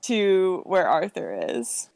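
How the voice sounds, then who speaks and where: Slow-talking woman playing a tabletop game. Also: medium pitch, big pitch swings, vocal fry, a little mellow, dry recording. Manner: rambling and hesitant, many fillers. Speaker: player.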